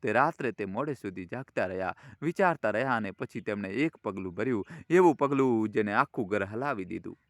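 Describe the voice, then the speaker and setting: A man narrating a family drama in a measured, dramatic storybook style. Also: fairly low pitch, animated, fairly bright tone, dry recording, clean studio sound.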